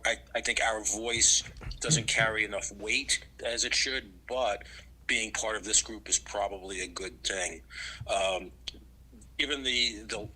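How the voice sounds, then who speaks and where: A man on speakerphone, joining the meeting remotely to report in a halting way with many fillers. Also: lowish voice, bright, forceful tone, slight background noise, low-quality recording. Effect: heard over speakerphone in the room.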